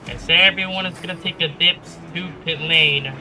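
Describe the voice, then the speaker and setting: A man giving live motorsport commentary as a race commentator, calling the action in drawn-out announcer phrases. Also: fairly high pitch, fairly even intonation, low-quality recording. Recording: clear engine and car noise behind.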